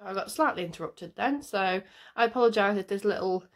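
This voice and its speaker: Brisk and animated in a mid-range voice, a parent who vlogs about makeup chats on camera while applying it. Her cold makes her sound nasal and stuffy, and she rambles with many ums throughout this casual tutorial.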